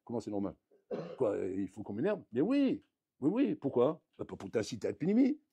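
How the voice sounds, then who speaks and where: A man, a rabbi, giving a lively Torah lesson, acting out little dialogues and swinging between loud outbursts and quiet asides. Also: mid-range voice, brisk, gravelly, husky, dry recording. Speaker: rabbi teaching a Torah class.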